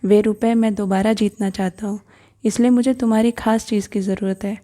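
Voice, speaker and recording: A woman's voice: mid-range voice, steady tone, fairly quick, dark tone, natural voice. A woman voicing a drunken, greedy, abusive husband in a read-aloud story, coaxing and then harsh.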